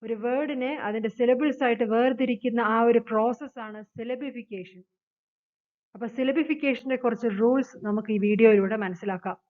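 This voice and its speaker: A woman with a Malayali accent teaching an English grammar lesson, reading the English rules slowly and explaining them at length. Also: fairly high pitch. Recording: phone-like narrow sound.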